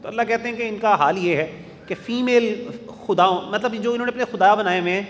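Man, Quran teacher, slightly high voice, recites and then explains, recorded in an echoey hall. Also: a little hiss or hum. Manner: recites Arabic verses, then explains in Urdu with restarts. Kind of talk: verse-by-verse Quran translation lesson.

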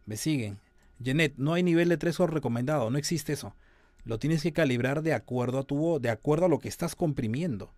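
A man's voice: a little high, brisk, darkish tone, dry recording. A man lecturing on audio compression in an online class, explaining step by step and checking that his students follow.

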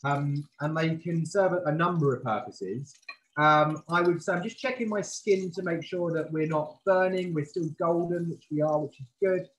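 A man demonstrates cooking live on a video call, standing away from the camera in a professional kitchen and explaining each step in a clear, casual way. He speaks at a normal speed in a voice on the high side. The audio quality is poor.

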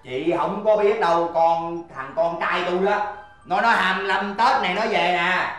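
A man's voice: high-pitched, moderate pace, very echoey. Man playing a cheerful, boastful older villager. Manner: exclaiming, protesting, lively. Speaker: comedy skit actor. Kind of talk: stage comedy sketch.

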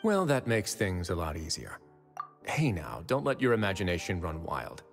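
An actor playing a composed young prison administrator in a video game, speaking in a measured, assured, wry way. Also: male voice, sits low, very animated. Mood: casual, wry. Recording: long reverb, music underneath.

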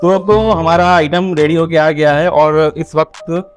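A man in his thirties hosts a casual food vlog, chatting with plenty of fillers in a fairly high voice with fairly even intonation and an unhurried pace, over music. Recorded on a clip-on lapel mic, he starts on a busy street at night and then moves inside a restaurant.

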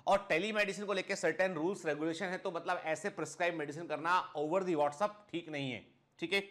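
High-pitched man teaching a lesson. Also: fairly even intonation, a little fast, fairly bright tone. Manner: explanatory, addresses students fondly as children; checks understanding with frequent short tag questions. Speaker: biology teacher for medical entrance students. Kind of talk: recorded lecture for students. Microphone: clip-on lapel mic.

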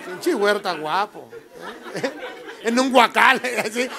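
A man with a Mexican Spanish accent performs profane, rowdy stand-up comedy, laughing often and teasing the audience through crowd work. His high-pitched voice is expressive and unhurried, with a crowd audible behind him.

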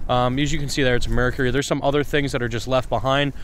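A young man hosting a casual video walkthrough of an abandoned property, excited and peppering his talk with "like", walking outdoors and through empty rooms. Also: medium pitch, fast talker, a little hiss or hum, rough recording. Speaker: urban explorer host. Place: outdoors on rural land, then inside an empty house.

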